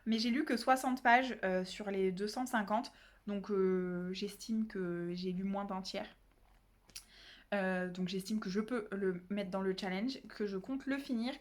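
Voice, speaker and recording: A woman's voice: mid-range voice, steady tone, unhurried. A young woman booktuber chatting casually about her reading pile, self-deprecating and full of fillers. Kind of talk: casual book haul chat.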